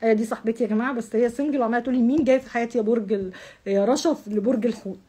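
An Egyptian woman with a husky, hoarse voice, worn from shouting, races through a casual monthly horoscope as host of an astrology channel. Her pitch is fairly high, rough and breathy, yet her tone stays steady and warm. Speaking in Egyptian Arabic from a home room with a curtain backdrop, she chats directly to the viewer, repeats words and gestures with her hands.

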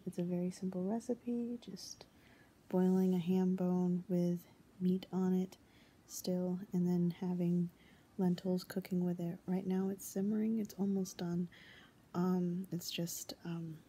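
Young woman talking quietly, hushed and slow. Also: husky. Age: young adult. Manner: hushed, near-whispering, kept low so as not to wake someone; hesitant, halting. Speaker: home cooking vlogger. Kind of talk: quiet casual chat to camera. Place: indoors in a home living room. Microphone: phone held at arm's length.

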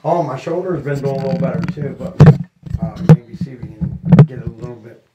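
A man's voice: mid-range voice, fairly quick. A middle-aged man, a chiropractic patient, chatting casually and ramblingly while lying down for treatment. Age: 40s or 50s. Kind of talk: casual chat during a treatment. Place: small chiropractic office, indoors. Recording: noticeable background noise, clicks.

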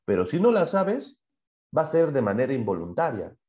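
A man's voice: medium pitch, wildly swooping pitch, moderate pace, a little mellow. A man teaching a primary school science class online, asking questions and answering them himself. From Peru. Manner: acts out short quoted voices in examples. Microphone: computer mic on a video call. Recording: dull lo-fi video-call audio.

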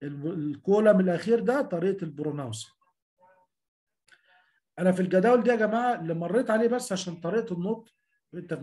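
High-voiced Egyptian man lecturing students. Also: a little mellow. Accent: Egyptian Arabic. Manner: repetitive, addresses students as a group, drills pronunciation syllable by syllable. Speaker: university lecturer. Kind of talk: lecture on medical terminology.

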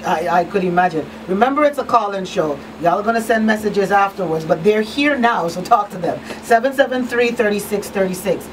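A medium-pitched, expressive voice comes from a middle-aged woman hosting a call-in show, talking a little fast with hardly any pauses. Her interviewing is casual and conversational as she thinks aloud, recorded in a small radio studio on a boom-arm mic that sounds slightly distant with faint noise.

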